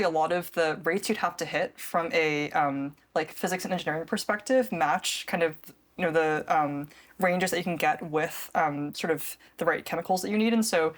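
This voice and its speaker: A young adult woman, a company cofounder, talking casually in an interview, thoughtful and full of fillers and restarts. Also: fairly low pitch. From grew up in New Zealand. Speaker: cofounder and CEO.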